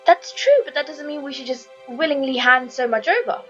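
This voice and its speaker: A woman's voice: sits high, brisk, fairly bright tone, dull audio, faint music behind. A woman playing a tabletop game, describing her character's actions and bantering. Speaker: player.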